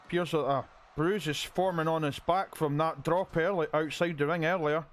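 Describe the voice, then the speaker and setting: High-voiced excitable male wrestling commentator. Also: normal speed. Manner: excitable, with frequent restarts. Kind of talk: play-by-play video game commentary.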